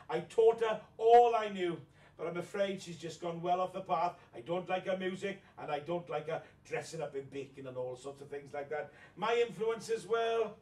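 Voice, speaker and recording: A man's voice: fairly high pitch, a little mellow, close to an everyday voice. Man as a flamboyant pantomime dame, echoey and distant. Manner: pantomime dame manner, gushing, coy and gossipy. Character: flamboyant, vain, flirtatious pantomime dame, a widowed mother. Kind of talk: pantomime dame performance in a mock celebrity interview. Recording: echoey room, distant microphone.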